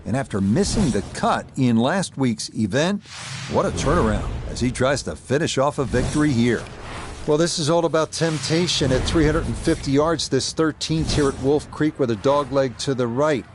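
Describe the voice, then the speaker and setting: A man doing golf commentary as lead announcer, calling shots in short, measured phrases. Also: mid-range voice, animated, background noise.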